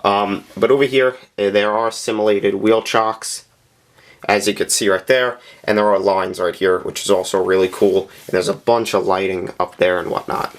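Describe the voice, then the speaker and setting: A man narrating a casual, unscripted review of a scale model, speaking plainly with frequent pauses and filler sounds. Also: fairly low pitch, flat delivery. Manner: plain-spoken and candid.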